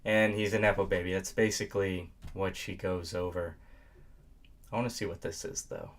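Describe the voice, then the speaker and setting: A man's voice: sits low, little pitch movement, normal speed, a little hiss or hum. A man hosting a casual reaction commentary, crude and mocking, laughing often into a desk microphone. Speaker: host reacting to a video. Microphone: home desk microphone.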